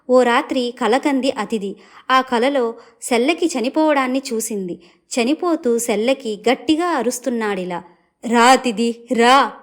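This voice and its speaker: A woman audiobook narrator telling a fairy tale in a measured, expressive storytelling manner. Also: a little high.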